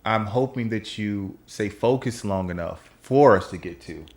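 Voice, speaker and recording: A man co-hosting a podcast, animated and hyping up his guest in casual chat. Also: lowish voice, normal speed. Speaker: podcast co-host.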